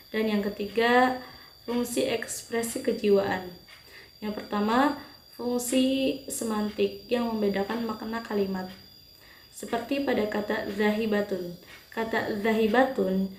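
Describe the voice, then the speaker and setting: A young woman giving a student class presentation, explaining steadily with frequent hesitant pauses. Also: medium pitch, darkish tone. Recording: roomy echo, faint background noise.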